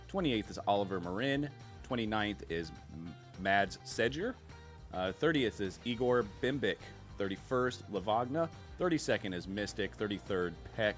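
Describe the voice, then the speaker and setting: A man with an American accent commentating a sim racing broadcast in a laid-back, chatty way, laughing often. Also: fairly low pitch. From United States. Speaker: race commentator.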